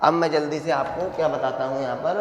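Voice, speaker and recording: Slow-spoken male teacher in an echoey room. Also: a little high, steady tone. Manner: slow, drawn-out syllables, asks questions and answers them himself. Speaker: primary school Hindi teacher. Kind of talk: classroom lesson explaining grammar.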